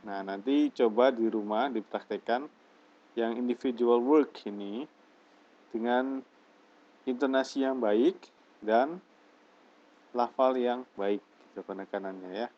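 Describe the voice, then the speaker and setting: A man teaching an English lesson, slowly reading English example phrases and explaining them in Indonesian. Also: mid-range voice. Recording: dull lo-fi lesson recording.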